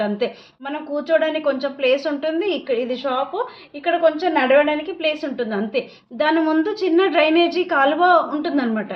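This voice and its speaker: A mother, telling a story to camera in a lively, animated way. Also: sits high. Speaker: mother and vlogger. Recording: dull lo-fi sound.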